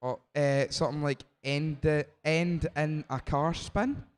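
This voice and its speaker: A man with a broad, thick Scottish accent co-hosts a casual quiz. His voice sits a little higher than average for a man. He speaks at a very unhurried pace. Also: fairly even intonation, smooth. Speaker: quiz co-host. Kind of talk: casual live pub quiz hosting.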